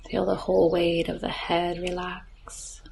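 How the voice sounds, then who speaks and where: A woman guides a slow relaxation meditation, a yoga nidra practice, speaking very slowly and gently with a completely flat delivery. Her somewhat low voice crackles with vocal fry and often turns breathy. Chirping birds and nature ambience play softly behind her.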